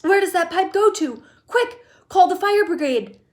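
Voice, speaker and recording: A woman's voice: very high-pitched, lively intonation, unhurried, a little mellow, pitched above the performer's own voice. A woman reading a storybook aloud, voicing a bossy, hysterical mother who shrieks and scolds. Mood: hysterical panic. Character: shrill, hysterical, bossy mother of a greedy boy.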